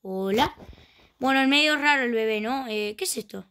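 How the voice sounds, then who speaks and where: Brief: Rioplatense woman host, let's play commentary, high voice, chatty and exclamatory. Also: moderate pace, noisy background. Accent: Rioplatense Spanish. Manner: chatty, exclaiming often while playing. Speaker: gaming channel host.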